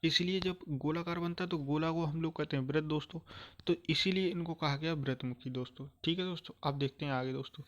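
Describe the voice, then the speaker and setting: A man's voice: on the high side, fairly even intonation. Man teaching, repeating himself patiently. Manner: repetitive, calls listeners "friends", checks understanding often; slows down to sound out vowels. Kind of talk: explanatory grammar lesson.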